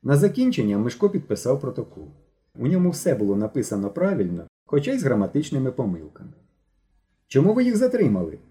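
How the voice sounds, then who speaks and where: Male audiobook reader, dark mellow tone, lively pitch, expressive narration. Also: quick pace. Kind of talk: scripted narration.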